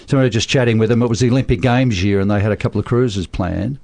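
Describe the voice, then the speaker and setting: A man's voice: on the low side, quick pace, creaky. An Australian man in his seventies, a former band member telling stories with jokey asides in a radio interview. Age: 70s. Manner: lively storyteller, jokey asides. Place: radio studio.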